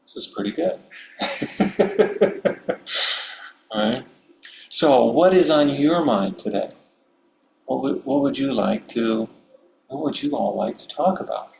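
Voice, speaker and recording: A middle-aged man from Maryland speaking as a Zen priest, giving a relaxed, unhurried Dharma talk with many fillers and soft chuckles. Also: medium pitch, vocal fry. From Maryland, USA. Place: meditation hall. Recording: roomy hall with faint hum.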